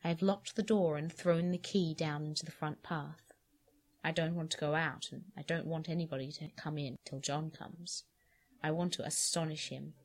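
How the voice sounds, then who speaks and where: A woman podcast host with a low-sitting voice gives a dramatic, expressive reading of a story at normal speed, sinking to hushed lines and rising to sharp cries. Afterward she chats about it casually.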